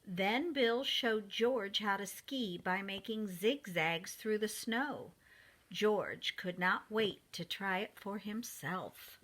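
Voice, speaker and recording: A woman with a mid-range voice reads a picture book to young kids, addressing them directly with expressive, deliberate delivery.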